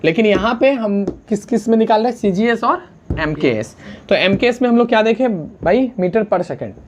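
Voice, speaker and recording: A man teaching a science lesson, constantly asking the class questions and answering them himself, urging students to write fast and mixing English unit names into his talk. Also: high voice, animated, slight background noise. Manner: urges students to write quickly, calls them friend.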